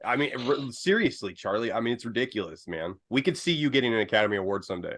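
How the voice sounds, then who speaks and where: A man's voice: medium pitch, expressive, fast, a bit bright. A man hosting a casual interview, enthusiastic and slangy, calling his guest dude and man. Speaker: host.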